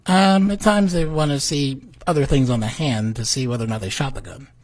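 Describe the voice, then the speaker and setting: A man's voice: medium pitch, brisk. A man testifying as a medical examiner in a courtroom recording, giving brief, careful answers under questioning.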